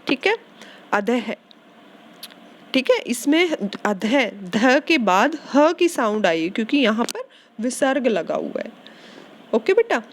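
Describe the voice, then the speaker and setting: A woman teacher giving a patient grammar lesson to schoolchildren, repeating words and checking in often. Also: on the high side.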